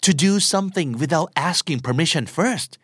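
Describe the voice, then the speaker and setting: A man teaching English vocabulary and idioms, acting out example lines in English with animated delivery. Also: a little high, extremely slow, breathy edge, no room sound, clean studio sound. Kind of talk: vocabulary lesson.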